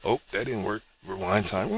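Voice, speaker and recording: A man's voice: low voice, noisy background. A man vlogging in a casual, rambling monologue, cursing often and checking in with "you know what I mean".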